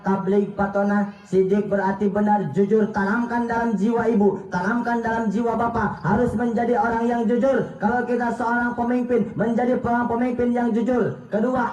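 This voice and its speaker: Comic male preacher, Sundanese accent, high voice, echoey far-off hall sound. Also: a little mellow. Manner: jokey, chatty, addresses the audience directly. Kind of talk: comic sermon. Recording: echoey, distant, muffled live PA.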